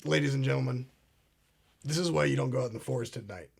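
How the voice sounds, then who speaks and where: This man has a mid-range, gravelly voice with a breathy edge and talks quickly. He is an actor portraying a grave, pompous, paranoid conspiracy talk show host in a comedic mock show, booming ominous, grandiose lines at "ladies and gentlemen."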